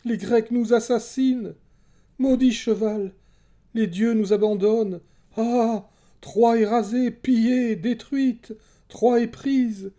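A man's voice: medium pitch, unhurried, dark tone, lightly acted. A man voicing a desperate young prophetess whose warnings go unheard, pleading and crying out in a raised voice. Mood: frantic. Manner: frantic, pleading, rising to wild cries.

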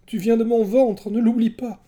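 A man's voice: very high voice, steady tone, normal speed, mellow, voice pushed up. A man voicing a proud, desperate queen and mother who pleads and accuses in a raised voice. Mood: pleading.

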